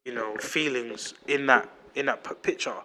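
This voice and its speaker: Poor audio captures a mid-range, sharp-toned voice at normal speed: a man in his late twenties hosting a podcast in urban London roadman slang. He gives casual opinions emphatically, repeating himself with heavy slang.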